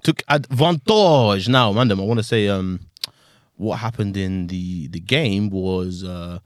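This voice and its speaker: A man's voice: low-pitched, steady tone, a little slow, no room sound, studio quality. A man with a London roadman accent hosting a casual football chat, informal and matey with plenty of street slang. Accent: London roadman, multicultural London English. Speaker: football podcast host.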